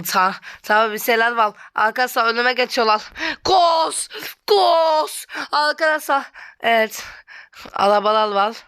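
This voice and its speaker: A female gamer giving excitable let's-play commentary, talking straight to her viewers and breaking into loud frustrated outbursts. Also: a little high, smooth, no echo, clean studio sound. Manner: excitable, keeps addressing viewers as friends.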